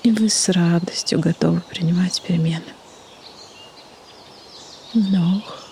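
A woman leading a guided meditation in a soft, breathy half-whisper, with soothing delivery and long pauses. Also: medium pitch, fairly even intonation. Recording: faint background noise, birdsong ambience. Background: birdsong and nature ambience.

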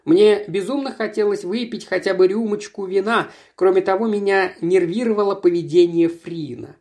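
A reader giving a first-person literary narration in an even, measured way. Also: medium pitch. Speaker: audiobook reader.

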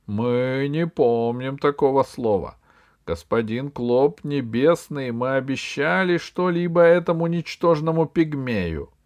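A man voicing a fat, pompous male priest of oblivion who speaks slowly and with false piety. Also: medium pitch, lively intonation, darkish tone, dry recording, muffled recording, pitched above the performer's own voice, natural voice. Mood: smug.

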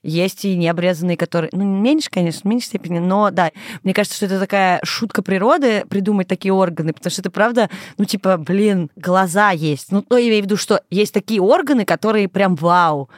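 A woman's voice: mid-range voice, a little fast, no echo. A woman hosting a podcast in a studio, chatting off the cuff in a candid, playful, rambling way. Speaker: podcast host, obstetrician-gynecologist. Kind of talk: casual, unscripted podcast chat.

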